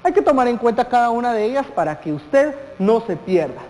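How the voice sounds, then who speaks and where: A teacher leads a televised lesson, turning to the students with questions and drawing out the words that matter. The voice sits at a mid pitch. It rings with a long reverb, as if recorded in a large hall. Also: very animated, a little fast, darkish tone. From Guatemala. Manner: addresses students directly, asks questions, stretches key words.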